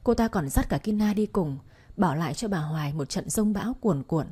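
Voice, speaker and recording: A woman narrating a bedtime story in a calm, even storytelling manner. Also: on the low side, normal speed, husky.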